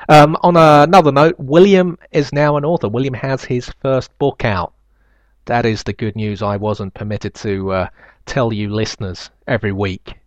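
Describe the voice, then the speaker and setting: A man's voice: medium pitch, steady tone, normal speed, no room sound, highs cut off. A man hosting a casual solo podcast, reading out listener emails with hesitant ums and uhs and dry self-mocking asides. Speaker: podcast host.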